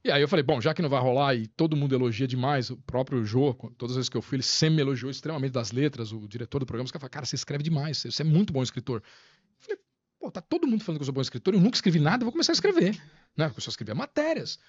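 Fast, animated man telling stories. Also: mid-range voice, no room sound, muffled recording. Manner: animated storyteller, slangy, acts out quotes. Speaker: podcast guest, writer. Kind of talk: casual chat.

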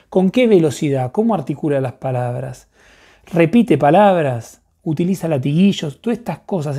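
Male instructor, warm low-key tone, unhurried explainer who keeps asking "right?". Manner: relaxed, thinks aloud, checks in with frequent "right?". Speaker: therapy and coaching instructor. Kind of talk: explanatory teaching talk.

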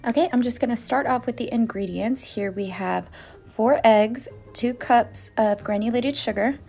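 Chatty woman baking vlogger, high voice. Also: gravelly, darkish tone, slightly rough. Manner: chatty, walks through steps one by one. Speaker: baking channel host. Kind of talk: casual cooking voice-over. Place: home kitchen.

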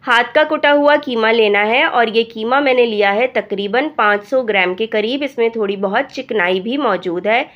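A woman narrates a home cooking recipe in a calm, step-by-step way. Her somewhat high voice is hoarse from a cold. The voice-over has a dull, lo-fi sound. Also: moderate pace, few pauses. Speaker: cooking channel host.

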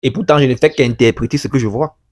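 A man who hosts an agriculture channel explains a video to his viewers in a chatty manner, treating them as friends and speaking French, which is not his first language. His medium-pitched voice is a little mellow and quick.

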